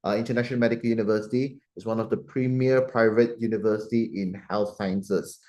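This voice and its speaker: A male host with a Malaysian accent and a fairly low voice introduces an online event. His delivery is informal and a bit halting, with short hesitant phrases. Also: fairly even intonation, a little mellow.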